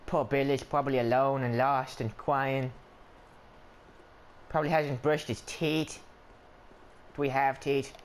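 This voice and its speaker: A man's voice: mid-range voice, flat delivery, measured pace, pauses often, a little hiss or hum, lightly acted. A man voicing a skittish, whiny little male adventurer in let's play commentary, rambling and stammering, yelping whenever something attacks. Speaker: gameplay commentator.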